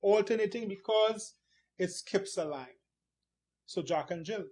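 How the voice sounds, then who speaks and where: A man with a high-pitched voice teaches poetry at an unhurried pace. He explains patiently and leans hard on single syllables to show where the stress falls. He marks up a board as he goes. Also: a little mellow, low-quality recording. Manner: annotates a board or screen as he talks.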